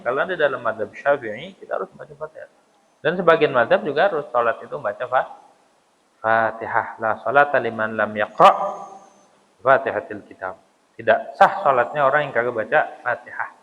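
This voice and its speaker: A man teaching a casual, joking study lesson, acting out mispronunciations. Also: mid-range voice. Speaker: religious teacher. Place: mosque. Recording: dull sound with long hall reverb.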